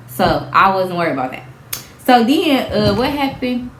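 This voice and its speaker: A young woman, telling a casual storytime vlog with lively, animated delivery and frequent laughs. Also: mid-range voice, a little slow. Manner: animated storytelling, acts out quotes, laughs often. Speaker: vlogger. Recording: echoey room, faint background noise.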